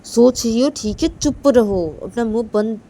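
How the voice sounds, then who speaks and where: A woman voicing a sharp, bossy young woman who scolds her partner and keeps ordering her to stay quiet. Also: on the high side, unhurried, slight background noise, pitched above the performer's own voice. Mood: commanding.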